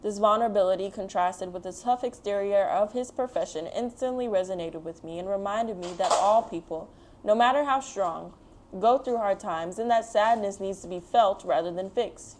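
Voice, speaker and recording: A woman hosts a picture book read-aloud, speaking directly to young children in simple, encouraging words. Her voice is middle-pitched for a woman, at a normal speed with a darkish tone, and a little hiss or hum sits in the background.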